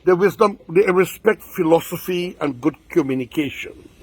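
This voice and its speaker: A man in his 60s from Guyana, an online show host, addresses viewers in a grand, ornate monologue, repeating himself for emphasis. His voice sits high, with a darkish tone, breathy edge and moderate pace.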